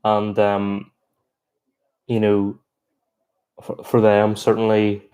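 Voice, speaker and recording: A man giving chatty, excitable live reaction commentary on a rugby match, breaking into exclamations. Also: on the low side, takes it slowly, clean tone. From Ireland. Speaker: sports reaction streamer.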